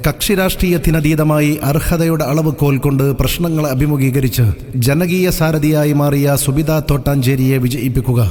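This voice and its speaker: A man giving a formal, oratorical election campaign announcement over an outdoor loudspeaker. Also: on the high side, fairly even intonation, moderate pace, big-room sound. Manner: formal, oratorical, pleading appeal.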